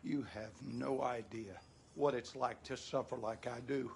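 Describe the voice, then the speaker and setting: An actor playing a bitter, abusive husband in a video game, with a Southern American accent and a menacing, aggrieved delivery. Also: male voice, medium pitch, fairly even intonation, measured pace, creaky, a little hiss or hum. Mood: aggrieved, furious. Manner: menacing, aggrieved, folksy cursing. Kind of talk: dramatic video game acting.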